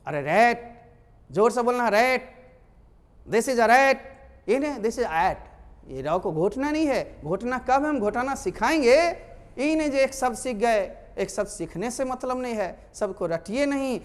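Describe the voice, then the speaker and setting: A man teaching a spoken English lesson online, energetic and emphatic as he drills pronunciation out loud. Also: very high voice, long reverb tail.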